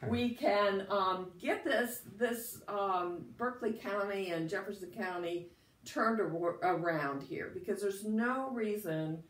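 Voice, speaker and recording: A woman with a croaky, froggy voice from a head cold, giving casual interview answers about her work. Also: mid-range voice, takes it slowly, a little hiss or hum. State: has a cold. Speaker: free clinic director, interviewee. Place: indoors at a clinic. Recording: echoey room, distant mic.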